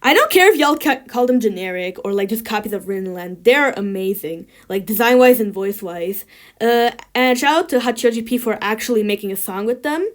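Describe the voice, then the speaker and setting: A woman's voice: fairly high pitch, expressive, fairly quick. A woman ranking things in a tier list, chatting casually and giving blunt opinions with lots of filler words. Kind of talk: casual chat.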